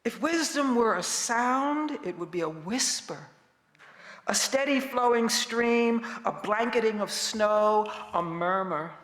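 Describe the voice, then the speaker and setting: A retired minister in her seventies, visiting as a guest speaker, offers a poetic reflection to a congregation with calm, gentle wisdom and deliberate pauses. Her slightly high voice echoes through a large hall with long reverb.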